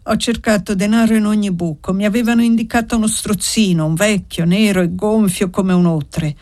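A woman's voice: medium pitch, fairly even intonation, moderate pace, a little mellow, no echo, studio quality, lightly acted. A woman voicing a proud, desperate young man in an audiobook, reading with bitter passion.

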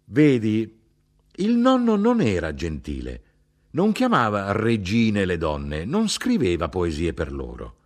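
A man reading the part of a blunt, indignant middle-aged mother who talks in a sharp, insistent way. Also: wildly swooping pitch, slow, full character voice. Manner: sharp, insistent, rising in pitch.

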